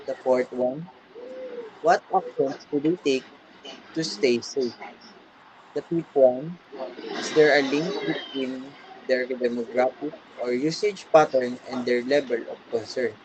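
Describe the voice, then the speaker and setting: A man's voice: mid-range voice, darkish tone, a little hiss or hum, low-quality recording. A young man reading out a scripted academic research presentation as a student presenter. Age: young adult.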